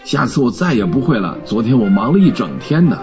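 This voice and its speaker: A man voicing a timid, apologetic male office clerk in a storybook reading, pleading and stammering in a raised, husky voice. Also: medium pitch, sing-song, a little fast, highs cut off, over music, pitched above the performer's own voice.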